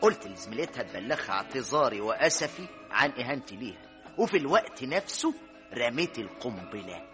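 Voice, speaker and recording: An actor playing a blunt, joking bachelor brother on a bride visit, in a radio comedy. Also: male voice, mid-range voice, big pitch swings, over music, lightly acted. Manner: quick, joking and grumbling. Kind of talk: Egyptian radio comedy drama acting.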